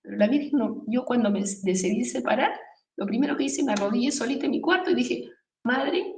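A woman's voice: on the high side, animated, fast, creaky, a little mellow, a little hiss or hum. Emphatic woman giving a spiritual talk. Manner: emphatic, preaching, with rhetorical questions. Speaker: spiritual speaker. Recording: echoey room, voice from far off the mic.

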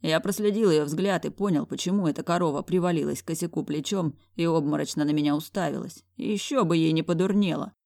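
A woman's voice: deep voice, fast talker, vocal fry, hardly any pauses, a little mellow. A woman narrating an audiobook in an ironic, colloquial storytelling manner, close to the mic. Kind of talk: scripted narration.

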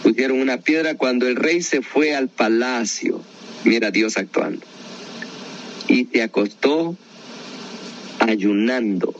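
Teaching a Bible study conversationally, a lively man peppers his talk with rhetorical questions. His voice is fairly low, captured on a muffled recording with a bit of hiss or hum.

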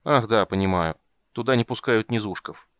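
A man's voice: on the low side, normal speed, fairly bright tone, no room sound, close to an everyday voice. A man doing a grumpy halfling merchant. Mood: grudging. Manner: gruff, suspicious, grudging. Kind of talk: audiobook character voice.

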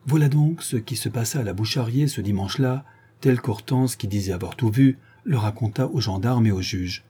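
A man narrating an audiobook in a steady, measured storytelling manner. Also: mid-range voice, husky. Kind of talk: scripted narration.

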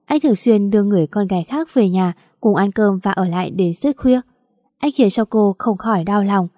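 A woman narrating a romance story as a scripted audiobook reading, in an even, unhurried manner. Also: medium pitch, no echo, studio quality.

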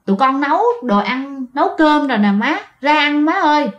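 A woman voicing an anxious grown son who gently coaxes his mother. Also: sits high, animated, moderate pace, highs cut off, pitched above the performer's own voice. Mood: coaxing.

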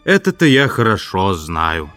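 A man's voice: low voice, sing-song, measured pace, fairly bright tone, soft background music, heavily acted. Man putting on a whiny, pleading tramp. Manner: plaintive, near tears.

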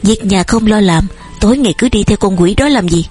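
A stern old farmer father barks and scolds his grown son, as a woman reader voices him. The voice is breathy and sits at a middle pitch. Soft music plays faintly underneath this audiobook reading. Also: brisk, natural voice. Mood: angry. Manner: shouting, scolding.

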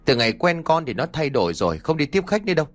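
A man's voice: on the high side, big pitch swings, fast talker, faint music behind, voice pushed up. A man voicing a cowardly young village man who pleads and argues with his parents. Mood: defiant. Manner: whiny, pleading.

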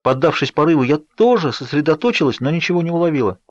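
A man narrating a first-person novel in a steady, measured reading. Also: fairly high pitch, no room sound. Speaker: audiobook narrator. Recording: dry, slightly dull audiobook recording.

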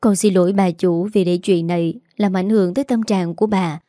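A woman voicing a gentle young daughter-in-law who speaks softly and politely. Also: on the low side, fairly even intonation, fairly quick, no room sound, clean studio sound, natural voice.

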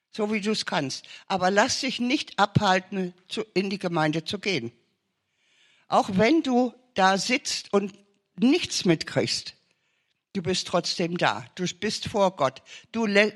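High, lively German-speaking preacher. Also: male voice, a little slow. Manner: urgent, emphatic exhortation with repeated short commands. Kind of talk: sermon testimony.

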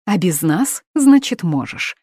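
A woman's voice: lowish voice, expressive, moderate pace, mellow, no echo, pitched above the performer's own voice, natural voice. A woman reading the part of a stern middle-aged mother, reproachful and indignant, in a dry, close recording.

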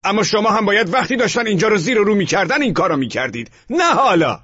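A man voicing an indignant young male tenant who protests in a strained, high voice, in an audiobook. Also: very animated, pushed and bright, slightly rough, lo-fi sound, heavily acted. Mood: defensive. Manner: protesting, pleading. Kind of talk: audiobook character voice.

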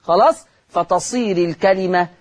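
A man with an Egyptian accent teaching Quran recitation rules on television, repeating each rule and answering his own questions. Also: sits high. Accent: Egyptian Arabic. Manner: slows to chant example words.

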